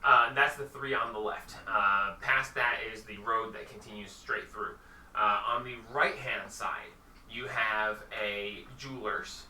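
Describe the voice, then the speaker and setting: A man narrating a tabletop game as game master, halting with many fillers. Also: on the low side, fairly even intonation, bright, forceful tone, echoey room, recorded from a distance.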